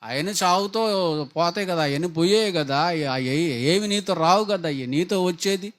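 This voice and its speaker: A man preaches with fervour, firing rhetorical questions at his congregation. His voice sits somewhat higher than most men's. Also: normal speed. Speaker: pastor. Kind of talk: Telugu sermon.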